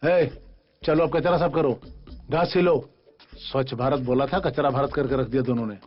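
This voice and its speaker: A man's voice: medium pitch, steady tone, moderate pace, lightly acted. An actor dubbing a stern middle-aged male college principal scolding students. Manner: stern, bossy. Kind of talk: film dub acting. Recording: dull film soundtrack, faint music.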